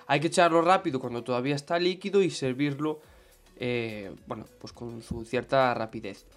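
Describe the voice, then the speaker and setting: A man's voice: medium pitch, moderate pace, soft background music. Young madrid guy chatting on a podcast, laid back, swears a bit. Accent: Madrid Spanish. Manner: relaxed, swears casually. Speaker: podcast co-host. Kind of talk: casual chat.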